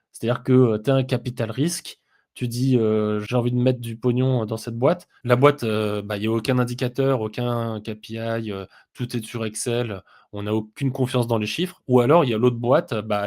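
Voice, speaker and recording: A man co-hosting a business podcast, explaining things steadily and pausing often with filler sounds. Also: mid-range voice, darkish tone. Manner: hesitant, many "heu" fillers, explanatory. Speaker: podcast co-host, business software consultant. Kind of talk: casual business podcast discussion.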